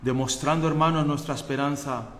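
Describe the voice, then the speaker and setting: A pastor with a Spanish accent preaches to his congregation, moving from quiet, calm teaching to loud, fervent exhortation. His voice sits fairly high. The church room rings with a long, echoing reverb. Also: brisk, a little hiss or hum. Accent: Spanish from Spain. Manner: acts out voices of people in his stories. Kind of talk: sermon. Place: church sanctuary. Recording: echoey church hall.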